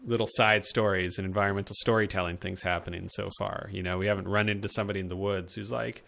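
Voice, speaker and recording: A man's voice: low voice, steady tone, quick pace, gravelly, fairly bright tone. A man hosting a casual let's-play, chatting in an easygoing, talkative way. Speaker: host.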